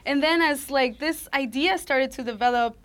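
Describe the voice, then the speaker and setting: A woman's voice: high-pitched, normal speed, fairly bright tone. A woman from Colombia, a musician in a band, telling her story in a casual interview with lots of "like" and "you know". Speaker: band member, violinist.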